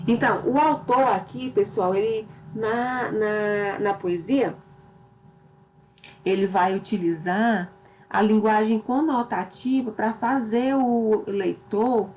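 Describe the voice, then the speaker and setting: A woman's voice: medium pitch, slow, a little mellow, slight background noise, rough recording. A woman teacher giving a literature lesson, explaining step by step and often checking in with her students.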